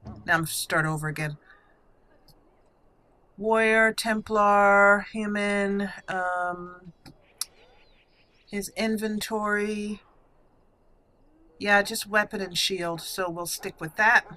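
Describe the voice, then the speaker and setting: Slow and steady in tone, with long pauses, a medium-pitched woman talks through a video game as a let's play host. Her voice comes across pushed and bright as she casually muses over her choices.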